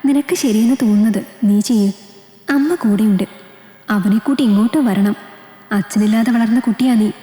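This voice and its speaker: Worried caring mom, mellow dark voice, woman reading her lines. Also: a little high, normal speed, roomy sound, in a large hall, natural voice. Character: caring middle-aged mother.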